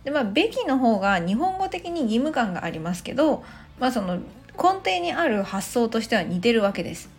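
Chatty woman teacher, casual lesson podcast, lotsa fillers, bouncy pitch. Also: sing-song, a little fast. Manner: chatty, many soft fillers, laughs lightly. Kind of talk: casual spoken language lesson.

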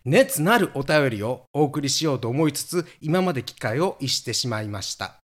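A man's voice: mid-range voice, normal speed. A middle-aged man co-hosting a podcast, telling stories in a camp, playful way. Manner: camp, playful storytelling with animated swings. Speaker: podcast co-host. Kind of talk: casual chat.

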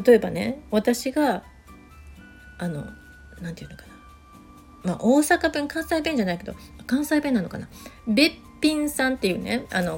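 A woman's voice: medium pitch, creaky, darkish tone. A middle-aged woman, a counselor talking in a casual podcast monologue that rambles along with plenty of fillers. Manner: rambling, full of fillers, chatty asides.

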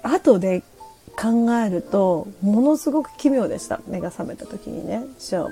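Middle-aged woman from Japan, casual solo radio host, chatty and hesitant, low gravelly voice. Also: animated, warm tone, faint music behind. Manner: chatty, laughing, hesitant, switching between Japanese and halting English. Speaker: podcast host. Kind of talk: casual solo radio chat reading listener comments. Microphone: phone or desk mic on a streaming app.

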